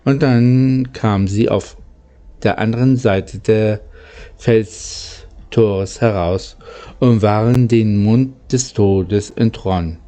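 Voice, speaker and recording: His voice is fairly low and dark as he reads a storybook aloud, acting as both narrator and channel host. Now and then he falters over his words, giving the reading a halting, occasionally mistaken quality.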